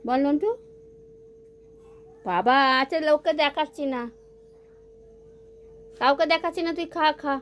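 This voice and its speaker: A woman's voice: high voice, a little slow, long pauses, slight background noise. A woman filming her pet cat at home, coaxing it to eat in cooing baby talk. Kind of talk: casual home video.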